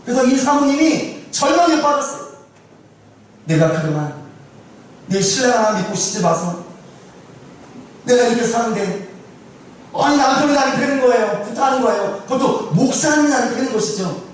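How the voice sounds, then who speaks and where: A male pastor preaching in a church sanctuary, telling a story with lively swings of pitch and a fairly high voice. He throws rhetorical questions at the congregation. The sound is very echoey and distant, with faint noise behind. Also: normal speed, pauses often. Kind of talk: sermon.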